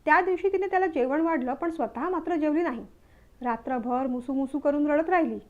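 A woman's voice: high-pitched, a little fast, lo-fi sound. A woman narrating a family story, reading it aloud steadily and expressively.

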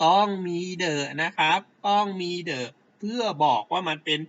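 A man teaching a grammar lesson at an unhurried pace. His voice is bright and fairly high for a man. He keeps checking that his class follows along, and the sound is dull and lo-fi.

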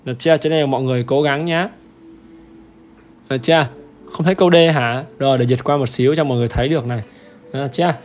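Speaking fast in a mid-range voice but with long pauses, an upbeat male English teacher leads a livestream exam-review lesson. He's chatty, keeps pushing viewers to comment, and checks in with the audience again and again.

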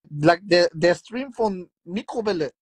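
Man, thirties, high speaking voice, slangy casual livestream talker with Arabic expressions, dry phone sound. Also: lively intonation, slow pace, slightly rough, no echo. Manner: colloquial street slang peppered with Arabic expressions. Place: indoors, lying in bed in a room. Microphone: phone held close, video call livestream.

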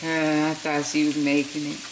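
A woman talks casually from behind the camera, narrating what the cook is doing and speaking to the viewers as y'all. She is in an echoey home kitchen where the frying and sizzling are clearly heard behind her voice. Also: low-pitched, monotone, normal speed, background noise. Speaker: co-host filming the cooking.

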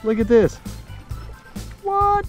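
A man hosting a fishing show from his kayak on an open lagoon, giving excited, laughing commentary to viewers, picked up by an action camera outdoors. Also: very high-pitched, very slow, faint music behind. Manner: animated, laughing, calls out to viewers. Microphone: action camera mounted on the kayak.

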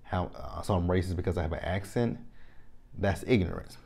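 Brisk and low-voiced with vocal fry, this man from Texas in his thirties speaks with a Texan accent as he recaps reality TV in a casual, opinionated review to camera. Animated, he repeats phrases and talks straight to his audience, miked with a lapel mic in a small room against a plain backdrop.

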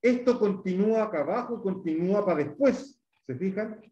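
A man's voice: sits high, animated, brisk, mellow. Male teacher in an echoey classroom. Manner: explains patiently, models pronunciation, quizzes pupils. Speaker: English teacher. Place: school classroom. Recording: echoey classroom, far from mic, dull.

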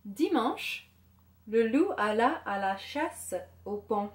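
A woman reading a children's picture book aloud, slowly and clearly, for young listeners. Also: a little high, animated, echoey room. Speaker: storyteller. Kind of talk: children's story read-aloud.

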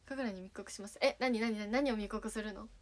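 A woman's voice: medium pitch, fairly quick, darkish tone. A young woman from Kagawa with a Sanuki dialect accent, chatting casually on a livestream as an idol, reading fan messages with a giggly, playful manner. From Kagawa, Japan. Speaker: idol streaming and chatting with fans.

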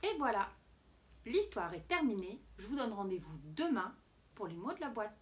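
Lively woman reading a picture book. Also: mid-range voice, normal speed. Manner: expressive storybook reading. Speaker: teacher.

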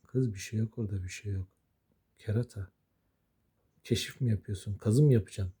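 A man's voice: on the low side, normal speed, warm tone, breathy edge. A man talking affectionately to his pet budgies in casual, coaxing baby talk. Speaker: budgie owner.

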